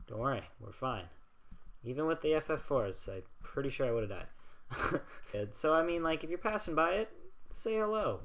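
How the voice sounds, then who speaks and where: A young man giving rambling, chatty gameplay commentary as a gaming channel host, full of fillers. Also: medium pitch. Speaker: gaming YouTuber.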